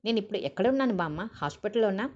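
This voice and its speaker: A woman's voice: mid-range voice, animated, very fast, darkish tone, close to an everyday voice. A woman voicing a weak, frightened young woman who asks anxious questions, on a dull lo-fi recording. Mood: relieved.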